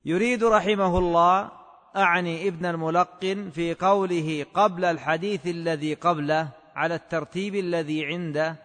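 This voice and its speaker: A man teaching a class on a classical text in a measured, scholarly way, repeating phrases slowly as if for dictation. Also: fairly high pitch, steady tone, fairly bright tone, big-room sound. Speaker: teacher of hadith commentary.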